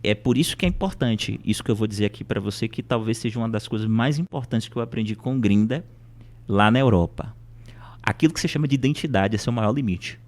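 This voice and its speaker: Fairly low-pitched and a little mellow, a Brazilian man speaks quickly as a guest on a podcast. He lays out ideas in a chatty, motivating way, asking rhetorical questions and repeating himself for emphasis.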